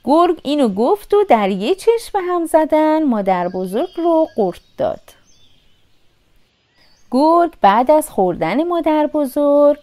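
A woman reads a children's fairy tale aloud in a lively, sing-song way. Her voice sits a bit higher and swoops expressively as she tells it. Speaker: storyteller. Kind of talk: storybook narration.

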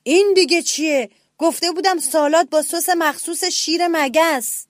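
A woman's voice: very high voice, dry recording, clean studio sound, voice pushed up. A woman voicing an arrogant male lion king in a children's story, bellowing orders and threats. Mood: roaring angry. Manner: bellowing, domineering.

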